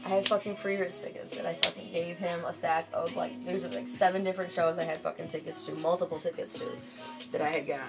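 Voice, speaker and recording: A fast talker with a lowish voice and little pitch movement, this young vlogger from Michigan rambles through a late-night casual chat. She's profane and filler-heavy, with music playing behind.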